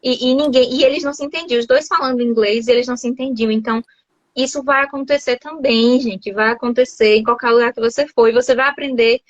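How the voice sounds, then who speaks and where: A woman's voice: fairly high pitch, steady tone, quick pace, no echo. Brazilian woman chatting on a video call, laughs a lot, kinda muffled lo-fi sound. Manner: chatty, laughs often, many restarts. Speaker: host, English teacher living abroad. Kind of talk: casual video-call chat.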